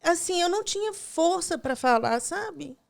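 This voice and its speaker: A woman's voice: extremely high pitch, expressive, measured pace, vocal fry. A woman, a podcast guest, tearfully telling a painful personal story and acting out each exchange in quoted dialogue. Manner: retells scenes with quoted dialogue, voice breaking softly.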